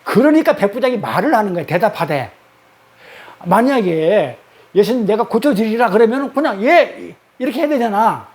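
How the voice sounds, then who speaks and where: A man's voice: high-pitched, very animated, fairly quick. A man leading a Bible study lecture, pressing his listeners with constant rhetorical questions and repeating key words for emphasis. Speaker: Bible teacher.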